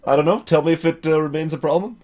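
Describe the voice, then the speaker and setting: A man's voice: a little high, fast talker, a little mellow. A man hosting a voiced let's play, chatting casually with his live chat, rambling with many fillers and chuckles.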